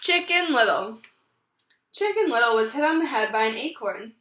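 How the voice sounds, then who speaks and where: A woman reads a children's story aloud with expression. Her voice sits high and bright, and the room adds a noticeable echo. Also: expressive, moderate pace. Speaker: storybook reader. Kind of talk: expressive read-aloud of a children's picture book. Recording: echoey, roomy sound.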